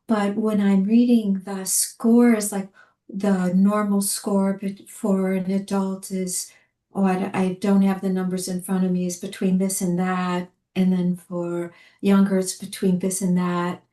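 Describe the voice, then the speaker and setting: A woman's voice: mid-range voice, dark tone. Woman on a video call asking a long question, lots of ums, roomy echoey sound. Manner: rambling, hesitant, many ums.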